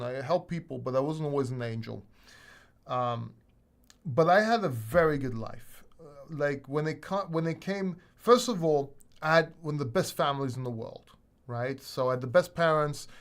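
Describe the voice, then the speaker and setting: This crypto livestream host is a middle-aged man from the UK whose accent mixes British and American sounds. Speaking at a moderate pace in a fairly high pitch, he chats casually while answering viewer comments. The talk is rambling and full of casual swearing and frequent restarts.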